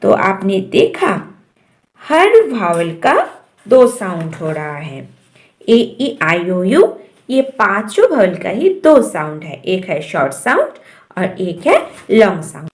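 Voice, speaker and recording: Slow-speaking Indian woman teaching phonics. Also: medium pitch, big pitch swings. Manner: slow, drawn-out sounding of letters. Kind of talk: phonics lesson for parents.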